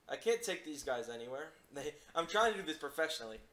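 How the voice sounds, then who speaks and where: A man's voice: fairly high pitch, very animated, fast talker, sharp tone. A man hosting a casual livestream podcast, hesitant and full of ums, trying to keep things professional. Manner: hesitant, lots of ums, tries to stay professional. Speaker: podcast host. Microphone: streaming setup mic. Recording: roomy echo, light noise.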